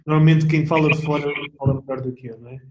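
A young man with a European Portuguese accent, chatting as an interview guest in a relaxed, slangy way with plenty of restarts. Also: fairly high pitch, quick pace, roomy sound, slight background noise, low-quality recording. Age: young adult. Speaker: guest athlete. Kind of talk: casual interview chat.

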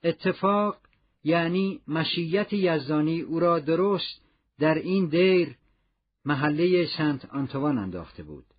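Husky high-voiced male audiobook narrator. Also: expressive. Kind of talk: scripted narration. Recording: dull lo-fi audiobook recording.

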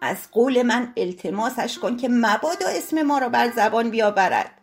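A woman's voice: fairly high pitch, lively intonation, creaky, faint music behind. Woman voicing a gossipy aristocratic lady. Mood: breathless. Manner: dramatic, breathless storytelling. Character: gossipy aristocratic older lady recounting a scandal.

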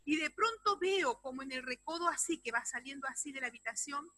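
A woman pastor preaching a sermon, swinging from loud exclamations to hushed, almost whispered passages and speaking straight to her congregation. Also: high-pitched, animated, a little fast, no room sound, poor audio. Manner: addresses the congregation directly and often.

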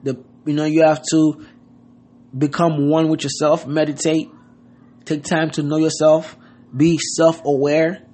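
Speaking unhurriedly in a flat, slightly mellow voice on the high side, this podcast host from Haiti offers earnest motivation in a casual monologue. His wording is loose, and "you know what I mean" comes up again and again.

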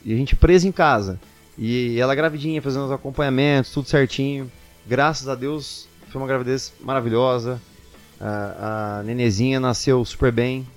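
A young man, a singer telling a personal story casually and animatedly, acting out what people said. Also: mid-range voice. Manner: animated, quotes people in excited voices.

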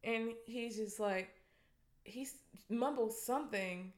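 A woman co-hosting a casual chat, telling stories in a profane, animated way and laughing as she goes. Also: on the high side, slow. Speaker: podcast co-host. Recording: echoey room.

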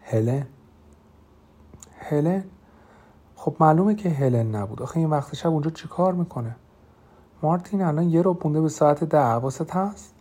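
A man voicing a flustered, nervous innkeeper who talks in a hurried, reassuring way. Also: mid-range voice, mellow, lightly acted. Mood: incredulous. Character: adult male innkeeper, flustered and anxious.

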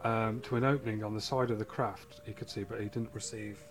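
A man hosting a casual podcast, telling a case and reading quotes aloud with halting restarts. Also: fairly low pitch, steady tone.

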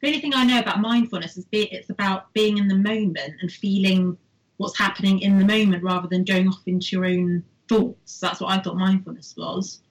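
A woman's voice: medium pitch, fairly even intonation, fairly quick, rough recording. A woman hosting an interview, asking brief, curious questions. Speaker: host.

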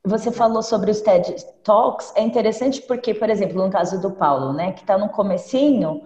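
A woman's voice: medium pitch, normal speed, mellow. A woman host, affirming her guest's points and adding her own thoughts in a casual, searching way. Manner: affirming, thinks aloud with many fillers and restarts. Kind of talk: casual interview chat. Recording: dull, echoey, long-reverb room sound.

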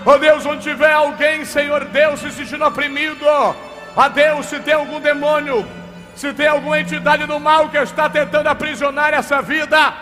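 High-voiced preacher shouting in tongues. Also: male voice, flat delivery. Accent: Brazilian Portuguese. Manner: alternates hushed rapid speech with shouted commands and bursts of tongues. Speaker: pastor. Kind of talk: charismatic deliverance preaching with speaking in tongues. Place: church service. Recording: reverberant hall with faint background music.

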